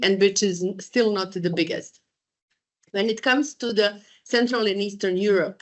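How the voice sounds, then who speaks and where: A woman from Croatia presenting research in a conversational way, with many fillers, restarts and small laughs. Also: mid-range voice. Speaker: researcher speaking at a panel.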